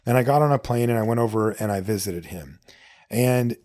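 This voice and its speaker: Brisk and a little mellow, a medium-pitched male voice belongs to a middle-aged podcast host from the U.S. He talks conversationally by himself, fielding listener questions and recounting personal anecdotes.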